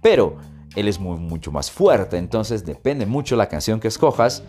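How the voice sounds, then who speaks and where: Guy teaching english intonation on his podcast, super expressive voice going up and down, bit of guitar music behind. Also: fairly low pitch, moderate pace. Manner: expressive, demonstrates intonation with sung and dramatic readings. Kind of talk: podcast lesson mixing Spanish and English.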